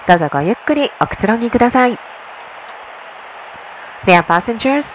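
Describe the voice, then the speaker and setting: Flight attendant lady on the plane PA, polite and measured, formal announcement. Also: medium pitch, a little hiss or hum, rough recording. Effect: cabin PA announcement. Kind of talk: formal bilingual inflight announcement. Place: airplane cabin.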